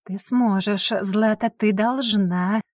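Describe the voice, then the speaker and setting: Woman voicing a smooth-talking young lover. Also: medium pitch, fairly even intonation, slow, a little mellow, no echo, clean studio sound, lightly acted. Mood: grim. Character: cunning young man pleading with his lover. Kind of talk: audiobook character voice.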